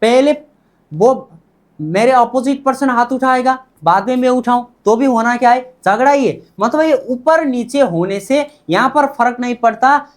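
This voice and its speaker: Slow-talking woman teaching a language lesson. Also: on the high side. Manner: repeats questions and drills answers back. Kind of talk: classroom-style lesson.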